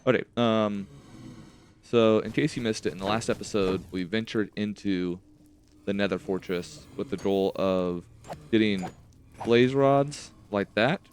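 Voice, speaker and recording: A man with a slight lisp from wearing retainers, hosting a casual, chatty gaming let's-play and talking to himself as he plays. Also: on the low side. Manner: chatty, rambling, self-talk while playing. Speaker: host of a gaming series.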